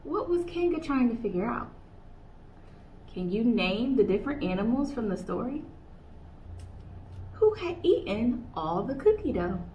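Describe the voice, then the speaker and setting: A young adult children's librarian from the US reads aloud to kids from a picture book, playful and sing-song, with a fairly high, mellow voice that swings widely in pitch. Her pace is measured, with long pauses, in a small indoor room. The audio is slightly distant and dull, with a faint hiss underneath.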